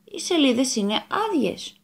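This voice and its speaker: Woman doing an eager little devil, loud and bright. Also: sits high, pitched above the performer's own voice. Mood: protesting. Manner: excited, loud and respectful.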